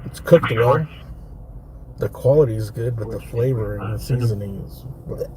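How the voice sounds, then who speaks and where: A man's voice: medium pitch, normal speed. A man hosting a livestream with casual, rambling, slangy chat. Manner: slangy, frequent "dude" and "bro". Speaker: livestream host. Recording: loud outdoor traffic and vehicle noise.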